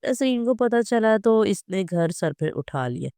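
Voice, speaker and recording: A storyteller reading a serialized novel aloud as scripted narration, steady and even. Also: medium pitch, a little slow, clear, resonant tone, no room sound, studio quality.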